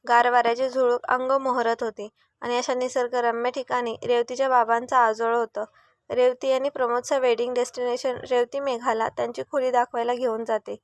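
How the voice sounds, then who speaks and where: A woman narrating a family story in a steady, descriptive way. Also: fairly high pitch, dry recording, studio quality.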